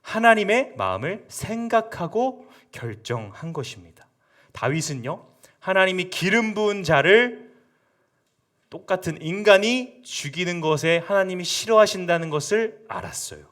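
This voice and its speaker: A man gives a sermon to a young audience, acting the story out with lively shifts in his voice. His voice sits high for a man, and he often stops to ask the listeners questions. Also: normal speed. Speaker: youth pastor. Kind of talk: sermon for children.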